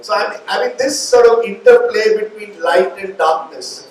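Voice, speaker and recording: A man's voice: high-pitched, normal speed. A middle-aged man with an Indian accent, hosting a live interview with long, reflective, meandering questions. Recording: echoey room, distant mic, faint noise.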